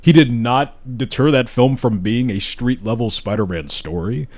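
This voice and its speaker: A man's voice: mid-range voice, moderate pace, darkish tone. A man hosting a casual live podcast chat, talking enthusiastically and rambling with restarts, hiccuping now and then. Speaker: host.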